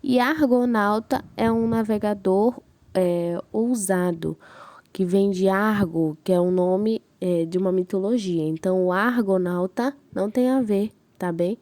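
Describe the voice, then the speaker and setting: A woman's voice: mid-range voice, measured pace, mellow, no echo. A woman with a northern Brazilian accent, a primary school teacher giving a recorded class lesson, explaining step by step and checking in with her pupils after each point. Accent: northern Brazilian Portuguese.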